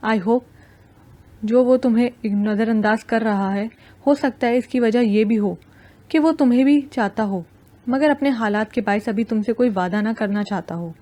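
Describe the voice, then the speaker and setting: A woman voicing a gentle, supportive young male friend who talks in a coaxing, reassuring way. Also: on the high side, natural voice.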